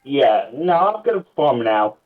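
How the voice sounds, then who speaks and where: A man's voice: mid-range voice, sing-song, moderate pace. A man chatting casually as a player in a tabletop game, on a thin microphone. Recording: thin phone-like microphone sound.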